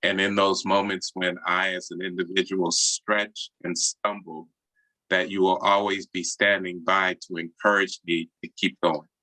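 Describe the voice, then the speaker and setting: Slow, deep-voiced earnest man. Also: level tone, sharp tone, dry recording, low-quality recording. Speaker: presenter. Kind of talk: heartfelt tribute in a video call. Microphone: video call.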